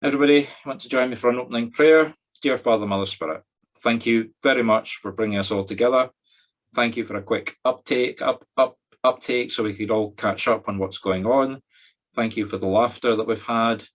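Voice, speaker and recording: Speaking in a mid-range voice, a man from Scotland acts as a spiritual medium guiding a meditation, delivering brief instructions separated by pauses.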